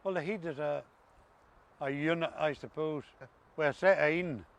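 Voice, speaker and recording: A man's voice: fairly high pitch, unhurried. A man with an Ulster Scots accent from Northern Ireland, chatting casually and wryly about dialect. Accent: Ulster Scots, Northern Irish. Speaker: conversation partner on dialect. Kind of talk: casual chat. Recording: slight background noise.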